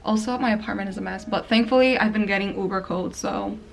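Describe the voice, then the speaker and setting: A young woman vlogging casually from a friend's apartment in a relaxed, chatty way. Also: medium pitch, quick pace, vocal fry, a little hiss or hum. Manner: chatty, relaxed, drifting into Spanish with her friend. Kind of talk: casual vlog chat. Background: background music.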